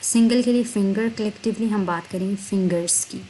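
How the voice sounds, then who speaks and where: A woman teaching vocabulary, explaining each word in Hindi and repeating it slowly twice. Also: medium pitch, dark tone, slight background noise, low-quality recording. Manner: slow, drawn-out spelling of words, repeats each word twice. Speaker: English teacher.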